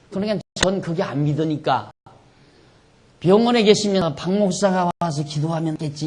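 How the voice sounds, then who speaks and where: Middle-aged pastor man preaching, slightly high voice, punchy, loud then quiet. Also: husky. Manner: emphatic, rhetorical questions, swings loud and soft. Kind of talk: expository sermon.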